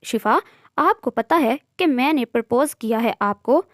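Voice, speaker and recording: A woman's voice: fairly high pitch, animated, a little slow, no room sound, studio quality. A woman narrator voicing Saad, a confident, charming young man. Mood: light.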